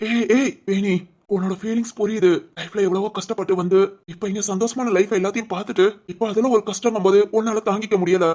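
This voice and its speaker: A man voicing a young husband in an animated family story, who nags with quick questions and then coaxes gently. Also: high-pitched. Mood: comforting. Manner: quick, bossy questioning that turns coaxing.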